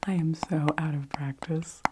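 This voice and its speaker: A middle-aged woman whispering softly into a close microphone, rambling casually in an ASMR video. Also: low voice, steady tone, noisy background. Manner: soft, unhurried whisper with chatty asides. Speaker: ASMR creator.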